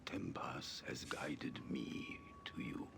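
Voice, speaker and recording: Ancient raspy seer for a fantasy game, slow gravelly whisper, full of doom. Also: male voice, very high voice, wildly swooping pitch, exaggerated voice. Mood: ominous, solemn. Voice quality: rasping, breathy half-whisper, gravelly. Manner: slow, solemn, portentous. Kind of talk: fantasy game role-play.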